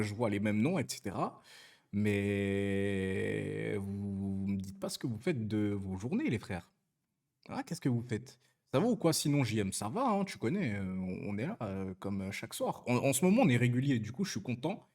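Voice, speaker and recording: A man's voice: on the low side, lively intonation, moderate pace, a little mellow. Young man chatting on stream. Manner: chatty, joking, reads and answers chat messages, many fillers and self-corrections. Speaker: Twitch streamer. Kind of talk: casual live-stream chat with viewers.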